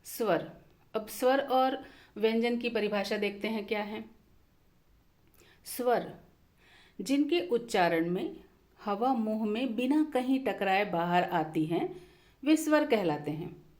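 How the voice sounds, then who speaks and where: A woman teaching a language lesson at a slow, deliberate pace, going over each definition more than once. Her voice sits a little higher than most women's. She drops in English terms while she explains. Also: lively intonation, darkish tone. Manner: repeats definitions slowly, mixes in English terms.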